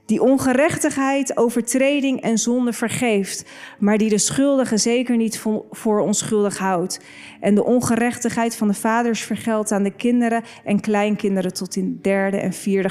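A woman's voice: a little high, a little mellow. A woman preaching a sermon on stage, reading scripture and repeating key phrases for emphasis. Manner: slow, deliberate preaching with emphatic repetition. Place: church stage.

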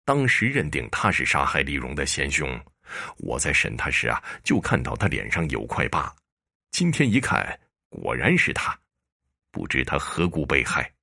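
A man's voice: extremely low pitch, wildly swooping pitch, normal speed, vocal fry, exaggerated voice. A man voicing a guilty, blustering male county magistrate who talks in an evasive, hesitant way. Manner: evasive, hesitant, then shouting defiance.

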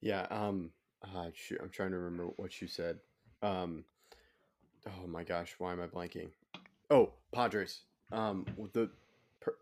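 A man co-hosting a casual sports talk show. His voice sits low and he pauses to gather his thoughts, filling gaps with um and uh. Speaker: sports podcast co-host.

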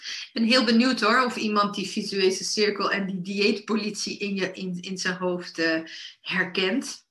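Woman with a bright voice, coaching chat, lots of ums and restarts, echoey room. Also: medium pitch, steady tone, moderate pace. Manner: coaching, many fillers and restarts, acts out inner voices. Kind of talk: casual talk.

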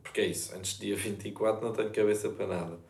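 Relaxed slangy Portuguese man. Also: lowish voice, rapid-fire, creaky, echoey room. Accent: European Portuguese. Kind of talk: casual chat.

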